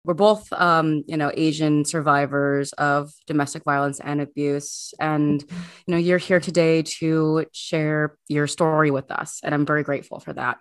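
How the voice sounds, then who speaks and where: A woman's voice: sits low, little pitch movement, a little slow. A woman hosting a podcast interview, speaking in an encouraging, conversational way. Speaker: podcast host.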